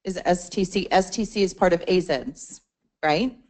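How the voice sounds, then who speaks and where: Her voice sits on the low side and is a little mellow, at a normal speed, as she presents a support portal to a membership meeting. The talk, held in a meeting room, is conversational and dotted with fillers and restarts.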